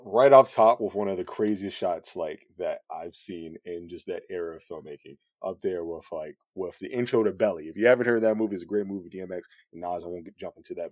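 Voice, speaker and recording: A man, a cinematographer guest, talking in a relaxed, rambling way with lots of fillers. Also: sits low, quick pace, few pauses, no room sound, studio quality. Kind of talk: casual podcast conversation.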